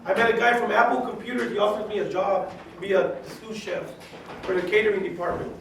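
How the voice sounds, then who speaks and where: A man's voice: sits high, fairly even intonation, fast. A man in his forties from California, a chef speaking as a guest to a class of students in a casual, chatty, direct way, often saying "you know" and acting out what people said. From California, USA. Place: high school classroom. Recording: very echoey classroom, mic far off, faint hiss.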